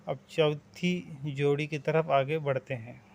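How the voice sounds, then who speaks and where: Slow, patient man teaching vowels. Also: fairly high pitch, fairly even intonation, gravelly. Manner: patient, drawn-out vowel demonstrations. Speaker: language teacher. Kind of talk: slow spoken language lesson.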